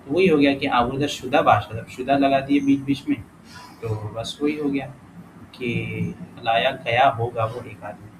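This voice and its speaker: A man teaching a casual lesson who thinks aloud as he works through exercises, corrects himself often and reads example words out slowly. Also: mid-range voice, fairly even intonation. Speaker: language teacher. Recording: clear background noise.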